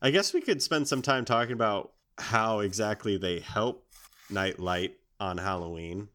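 Low-pitched man riffing casually. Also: moderate pace, sharp tone. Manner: loose, joking, slangy. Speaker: podcast co-host. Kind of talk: casual improv storytelling chat.

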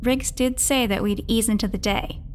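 Woman as a higher-voiced, gently bossy crewmate. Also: moderate pace, a little hiss or hum, lightly acted. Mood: friendly, coaxing. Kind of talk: sci-fi audio drama dialogue.

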